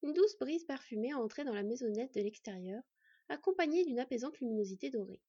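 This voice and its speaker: A woman narrating a story aloud in a calm, even reading voice, in a slightly muffled recording. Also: a little high, a little fast, breathy edge, dry recording.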